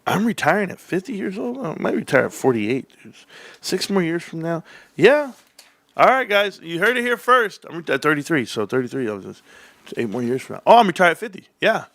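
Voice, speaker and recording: A man in his forties hosting a casual stock livestream, calling his viewers "bros" and "guys". He jumps into high, hyped bursts, then drops to low muttering. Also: very animated, fairly quick, gravelly, a bit bright, dry recording. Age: 40s.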